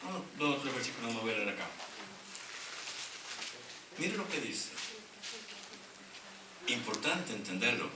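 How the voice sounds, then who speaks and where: A man's voice: mid-range voice, big pitch swings, a little slow, long pauses, very noisy. A middle-aged male pastor preaching a sermon, reading scripture aloud and calling on the congregation to answer back. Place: church sanctuary. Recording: echoey church hall from far off, congregation audible.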